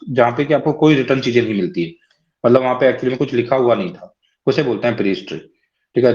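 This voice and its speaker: Fast-talking man lecturing in a dull recording. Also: mid-range voice, darkish tone. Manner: explains step by step, often checking with "है ना" and "ठीक है". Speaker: teacher. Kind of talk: classroom lecture.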